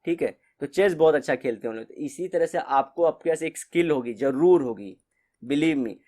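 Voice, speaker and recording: A man's voice: fairly high pitch, animated, normal speed, dark tone. A man teaching a class in a casual, conversational way, mixing English phrases into his explanations. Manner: conversational, mixes English phrases, repeats ठीक है.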